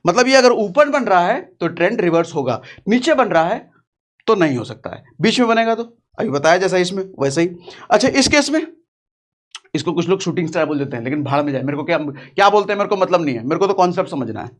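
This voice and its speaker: A man's voice: high-pitched, animated, quick pace. A man, teaching chart reading in a casual, rustic, joking way with lots of repetition. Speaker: trading teacher.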